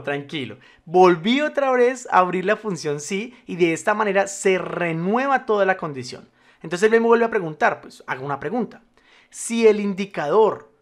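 Lively, reassuring man teaching spreadsheets. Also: sits high. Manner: reassuring, checks in with the viewer often; formal address to the viewer, patient step-by-step explaining. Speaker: spreadsheet instructor. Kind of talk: screen-recorded software tutorial.

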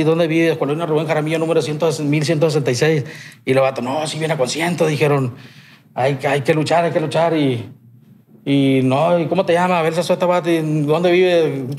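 A man's voice: fairly high pitch, steady tone, fairly quick, a little mellow, slight background noise. A man with a Sinaloan accent, a podcast guest telling a long personal story in rambling, slang-heavy, swearing speech. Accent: Sinaloan Mexican Spanish. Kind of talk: casual storytelling.

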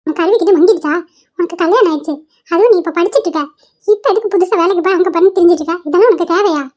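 A woman's voice: very high-pitched, steady tone, fast talker, a little mellow. A woman doing a fussy old cartoon grandmother. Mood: scolding. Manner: pleading, then scolding and nagging. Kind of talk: Tamil cartoon voice acting.

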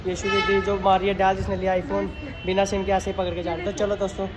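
A young man with a high, monotone voice talks fast as he films a vlog on his phone, casually calling his viewers guys and friends. He narrates to camera outdoors in town and inside a busy restaurant. The phone recording is noisy, with music and crowd chatter behind him.

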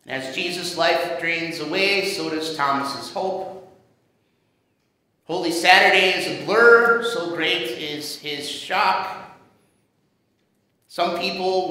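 Male pastor, sermon, storytelling, high pitched bright voice, very echoey church hall. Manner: storytelling, measured and dramatic. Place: church sanctuary.

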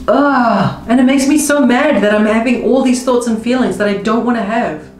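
Woman leading a slow tapping script. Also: a little high, a little mellow. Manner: slow, repetitive, emotive affirmations. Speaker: tapping coach. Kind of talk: guided tapping script spoken in first person. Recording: roomy with faint music behind.

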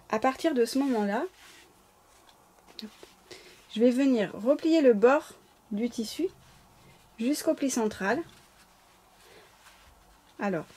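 A woman hosts a sewing tutorial in a fairly high voice with a clearly husky, breathy edge. She has a slight lisp and explains each step informally, in an apologetic, reassuring way. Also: a little mellow. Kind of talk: informal step-by-step craft instruction. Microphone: camera placed close over the work table.

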